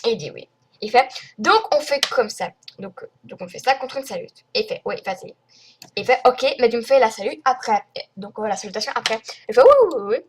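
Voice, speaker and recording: Briskly and in a fairly high voice, a young vlogger from France rants indignantly to viewers, rambling and filling gaps with fillers. This casual screen recording has slight background noise.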